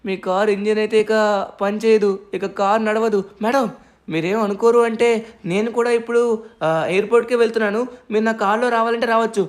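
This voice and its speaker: A man narrating and voicing the lead in a game role-play story, brisk and reassuring. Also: sits high, level tone. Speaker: narrator and player.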